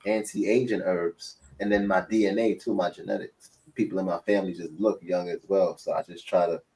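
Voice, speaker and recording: New guy near forty, rambling and slangy, keeps asking if you follow, low-ish voice. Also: fairly even intonation, brisk, a little mellow, rough recording. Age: late 30s. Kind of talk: casual chat.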